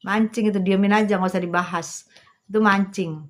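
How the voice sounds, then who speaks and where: A middle-aged woman hosting a livestream on a phone, chatting with viewers in a sassy, teasing, slangy manner and speaking slowly and carefully. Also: mid-range voice, steady tone. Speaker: livestream host. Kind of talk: casual livestream chat reading viewer comments.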